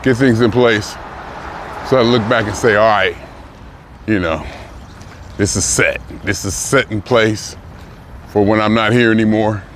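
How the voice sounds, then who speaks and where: Older man, early sixties, reflective vlogger, halting and musing, walking a busy street, audible traffic behind. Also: lowish voice, fairly bright tone. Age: 60s. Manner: musing, halting, thinks aloud with pauses and restarts. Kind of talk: reflective personal vlog. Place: outdoors on a city street, walking. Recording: outdoor traffic noise. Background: passing cars and street noise.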